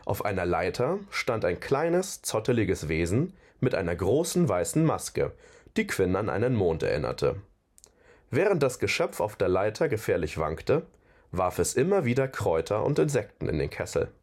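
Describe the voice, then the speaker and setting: A man with a fairly low voice reading a fantasy novel aloud. His narration is expressive, rising and falling a lot as he tells the story. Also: normal speed. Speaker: audiobook reader.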